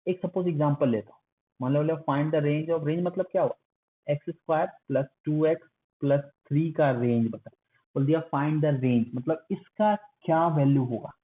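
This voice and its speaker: A man's voice: a little high, moderate pace, a little hiss or hum. A male math teacher giving an online lecture, in terms, coaxing and scolding his students like a strict elder. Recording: phone-like lo-fi recording.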